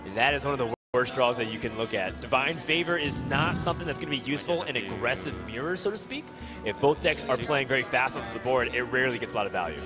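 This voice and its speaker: A man casting a card game match, giving energetic, quick analysis. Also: medium pitch, music in the background. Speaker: esports caster. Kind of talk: play-by-play commentary.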